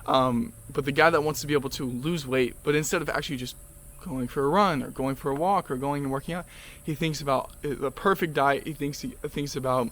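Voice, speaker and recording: A man's voice: mid-range voice, fairly quick, a bit bright. A young man vlogging a casual motivational monologue, rambling with lots of fillers, restarts and swearing.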